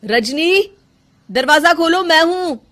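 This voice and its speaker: A woman's voice: very high-pitched, lively intonation, takes it slowly, voice pushed up, heavily acted. A woman voicing a patient young husband who coaxes his wife with questions in a cartoon story. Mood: coaxing. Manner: coaxing, gently insistent questions.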